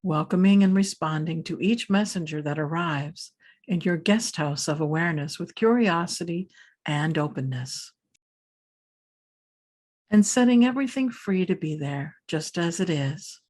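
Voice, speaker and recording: In a voice on the low side, a woman teaching meditation walks listeners through a scripted session. She speaks calmly and soothingly at a steady, measured pace, leaving pauses between phrases.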